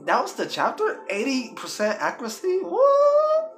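A man giving live gameplay commentary, excitable, swearing a lot and yelling at the game. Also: sits high, unhurried, rough recording. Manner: loud, laughing outbursts. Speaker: gaming channel host. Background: faint game music and sounds.

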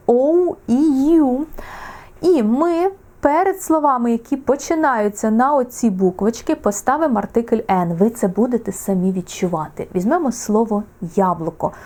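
Woman teaching English grammar, clear and lively. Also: fairly high pitch. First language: Ukrainian. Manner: slows down to model English words, repeats them. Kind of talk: explaining grammar with examples.

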